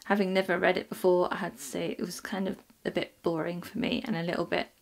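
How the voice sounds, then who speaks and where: A woman giving casual book reviews. Her voice sits a little low for a woman. She rambles easily, trailing off and restarting with frequent ums. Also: flat delivery, fast, gravelly. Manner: chatty, many ums and restarts.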